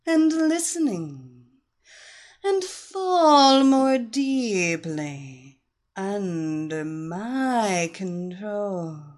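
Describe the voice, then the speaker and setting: Woman reading as a seductive hypnotist, very slow droning commands, lilting. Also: mid-range voice, a little mellow.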